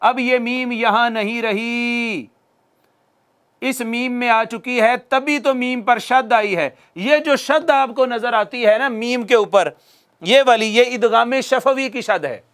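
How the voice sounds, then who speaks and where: This recitation teacher has a very high, slightly bright voice. During his lesson he repeats definitions slowly for dictation and raises questions only to answer them on his own.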